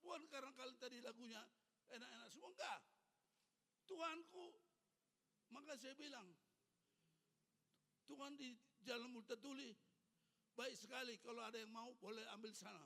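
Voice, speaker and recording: A man's voice: very high voice, normal speed, gravelly, pauses often, bright, forceful tone. A man in his eighties, a pastor preaching a sermon in a church hall, urging the congregation with fervent, repetitive exhortations. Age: 80s. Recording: long reverb of a hall.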